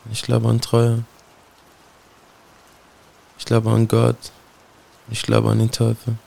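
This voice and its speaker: Man, spoken-word poetry, solemn, brooding, dark tone, monotone delivery. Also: medium pitch, takes it slowly, gravelly. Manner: solemn, brooding, addresses a listener directly.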